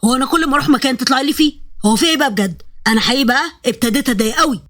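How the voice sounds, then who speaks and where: A woman voicing a bossy, panicky young woman with an Egyptian accent who scolds in a shrill voice. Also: rapid-fire, fairly bright tone, no echo, studio quality. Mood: scolding. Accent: Egyptian Arabic.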